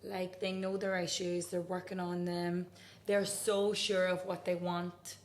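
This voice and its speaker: A woman's voice: lowish voice, flat delivery, unhurried. A young woman hosting a podcast, chatting casually with a friend, filling her talk with "like" and casual swearing. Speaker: podcast host. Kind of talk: casual chat.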